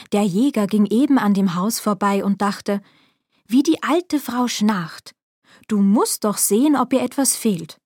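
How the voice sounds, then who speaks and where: A woman narrating a fairy tale in a calm, measured storytelling manner. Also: on the high side, no room sound, clean studio sound.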